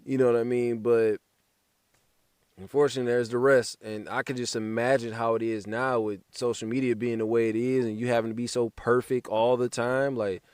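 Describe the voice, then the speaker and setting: A man hosts a casual podcast conversation in a loose, slangy style and is quick to laugh. His voice sits at an ordinary pitch and is recorded close and dry, with no room around it. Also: clear, resonant tone, no room sound. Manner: relaxed slangy banter, laughs easily. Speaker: podcast host. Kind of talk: casual chat.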